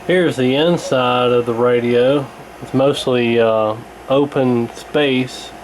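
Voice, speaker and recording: A radio repair hobbyist presents a repair demonstration in a casual, matter-of-fact way, speaking slowly and haltingly with plenty of pauses. His voice is medium-pitched. The recording is rough, with clear steady noise behind him.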